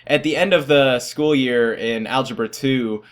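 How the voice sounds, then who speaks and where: A man's voice: mid-range voice, measured pace. A teenage boy casually telling stories about his school days, rambling and self-deprecating, often laughing at himself. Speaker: vlogger. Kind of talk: casual storytelling.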